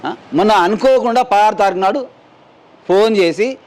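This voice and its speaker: A middle-aged injured mine worker from Telangana, India, gives spoken testimony to a news camera in a high, darkish voice at a moderate pace. He rambles plainly through what happened to him, quoting the people he met in dialogue.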